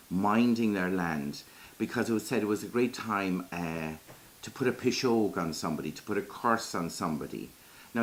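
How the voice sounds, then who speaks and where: A man's voice: lowish voice, fairly bright tone. A man with a Kerry Irish accent telling folklore in a lilting, conversational storyteller's way. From Ireland, Iveragh in County Kerry.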